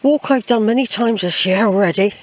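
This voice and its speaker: A woman's voice: medium pitch, a little fast, poor audio. Older English woman rambling on a walk. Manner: chatty, reflective, repeating phrases. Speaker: hiking vlogger. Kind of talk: casual rambling walk commentary. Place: outdoors on a woodland trail.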